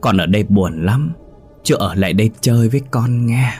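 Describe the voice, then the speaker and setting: A man's voice: expressive, moderate pace, a little mellow, faint music behind, natural voice. A man voicing a young male ghost with a bloody head who coaxes a drunk old man to stay with him. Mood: eerie pleading. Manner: coaxing, plaintive; yelps high when hurt.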